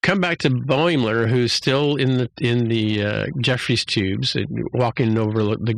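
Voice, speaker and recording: A man's voice: medium pitch, steady tone, unhurried, gravelly, dry recording, poor audio. A man casually recapping a TV episode, rambling with fillers and restarts and acting out the characters' lines. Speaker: podcast host.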